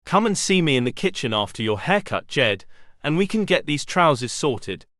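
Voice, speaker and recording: A kindly housemother with a strong Devon accent, voiced by a male narrator. She speaks warmly and homely with a lively, rolling pitch. The sound is dry and close. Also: normal speed, dry recording.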